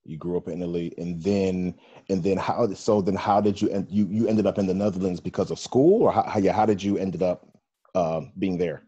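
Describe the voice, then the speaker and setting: A male radio host running a casual interview, his voice very low and warmly mellow. He rambles, circling back through fillers and restarts before landing on his questions, with a husky grain throughout. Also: brisk, muffled recording.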